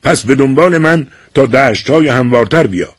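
A man reading an audiobook and voicing an eager, theatrical teenage boy who talks with excitement and dramatic declaiming. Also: mid-range voice, breathy edge, no room sound, studio quality, voice pushed up.

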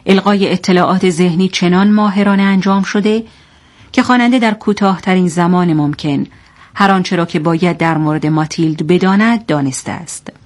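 A woman presenting scripted literary commentary in a clear, didactic manner, and narrating a story. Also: on the low side, a little mellow.

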